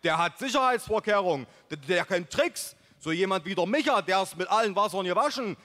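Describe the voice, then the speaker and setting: A man voicing a brash, rustic young man obsessed with firecrackers, talking loud and excited. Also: high voice, fast, pitched above the performer's own voice. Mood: excited, rowdy. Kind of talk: comedic reading. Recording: long stage reverb.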